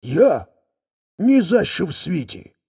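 A man voicing a humbled, frightened male lion in a folk tale reading, with a gravelly, husky voice. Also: mid-range voice, expressive, slow pace, full character voice. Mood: scared, gloomy. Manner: gloomy, whispering in fear.

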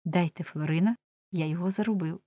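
A bold young jester voiced by a woman reading a storybook warns of doom with urgent, pleading insistence and a mocking edge. The voice is low for a woman and close, with no room around it. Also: fast talker, dark tone, no room sound, natural voice. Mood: urging.

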